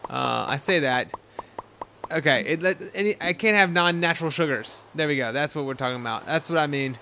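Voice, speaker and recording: A man's voice: a little high, a little fast, gravelly, bright, forceful tone, a little hiss or hum. A young man hosting a casual game let's-play, chatting in a rambling way full of fillers. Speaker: gaming channel host.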